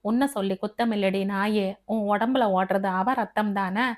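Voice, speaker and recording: A woman reading as a furious middle-aged father, harsh and scornful toward his daughter. An audiobook figure told at a plain middle pitch. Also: steady tone, moderate pace, close to an everyday voice. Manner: scornful, insulting.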